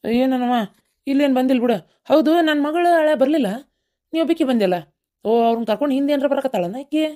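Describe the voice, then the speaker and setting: A woman's voice: high voice, fairly quick, dark tone, lightly acted. Grumbly cartoon husband, voiced by a woman, north karnataka kannada, whines and moans a lot. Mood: grumbling. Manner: complaining, whiny grumbling. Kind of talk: cartoon comedy voice acting.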